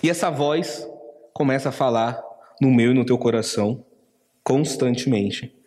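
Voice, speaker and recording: A man's voice: medium pitch, unhurried, a little mellow, long reverb tail. A man preaching a sermon, earnest, acting out the taunting inner voice in quoted asides. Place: church.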